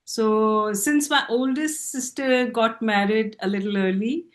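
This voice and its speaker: A middle-aged woman from Pakistan, speaking as a guest on a video-call interview, unhurried and hesitant with fillers. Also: fairly high pitch, steady tone. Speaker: guest artist. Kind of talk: relaxed interview conversation.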